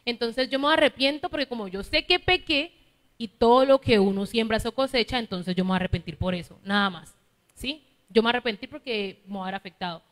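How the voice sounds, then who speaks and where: Woman preacher, colombian accent, fairly high voice, teaching tone, long reverb of a church hall. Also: fast talker. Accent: Colombian Spanish, Cali. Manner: teaching, asks listeners for agreement with "¿cierto?". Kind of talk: sermon.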